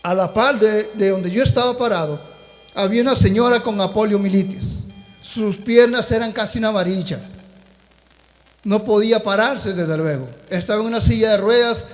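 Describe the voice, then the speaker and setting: A man preaching in a church with a strikingly high voice that rings out with long reverb. He tells his testimony with fervent, storytelling passion and keeps turning to the congregation as brothers and sisters. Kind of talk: sermon with personal testimony. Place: church sanctuary.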